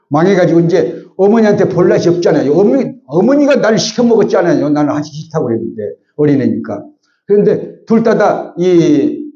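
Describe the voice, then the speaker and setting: A middle-aged pastor, telling a childhood story in a sermon and acting out the voices in it. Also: male voice, high-pitched, dark tone. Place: church sanctuary. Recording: echoey, slightly dull church sound.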